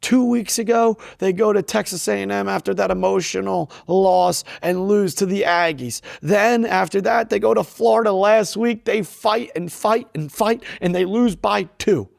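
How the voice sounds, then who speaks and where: A man co-hosting a casual sports betting podcast, hyping his picks with loud animated delivery. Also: high-pitched, moderate pace, gravelly, hardly any pauses, dry recording, clean studio sound.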